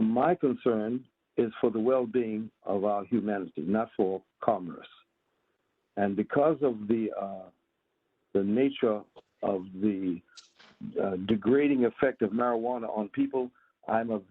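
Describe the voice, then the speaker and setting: Man in his 70s, phone caller, tinny narrow line, husky, earnest and halting. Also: fairly low pitch, no echo. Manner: earnest, halting, with many restarts. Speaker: community caller. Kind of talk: public comment at a community meeting.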